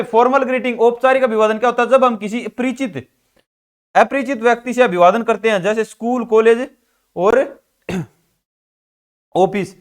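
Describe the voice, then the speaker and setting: A man teaches a class. He asks questions and answers them himself, and keeps saying "ठीक है भाई" as he explains each point. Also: high-pitched. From Haryana, India. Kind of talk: classroom lecture explaining English pronunciation.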